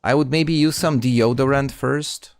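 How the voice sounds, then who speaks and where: A man's voice: medium pitch, steady tone, unhurried, gravelly, dry recording, studio quality. A man casually commenting on his gameplay stream, chatting with viewers and often restarting words.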